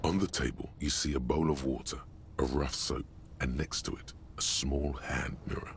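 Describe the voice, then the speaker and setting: An actor voicing a brooding, solemn narrator in a video game, speaking slowly and gravely. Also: male voice, rumbling low, steady tone, slight background noise. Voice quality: gravelly, slow and measured.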